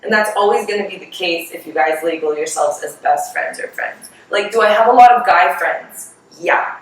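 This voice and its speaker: A woman's voice: lowish voice, moderate pace, far from the mic. Young woman, podcast co-host, emphatic casual chat, swears, very echoey room, off mic. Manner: emphatic, swears, rambles through opinions.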